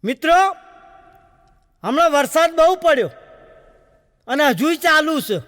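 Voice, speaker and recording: A man with a Gujarati accent telling jokes on stage, animated and playing the people in his stories. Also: very high-pitched, measured pace, long reverb tail. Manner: animated storytelling, voicing characters in dialogue. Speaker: stand-up comedian.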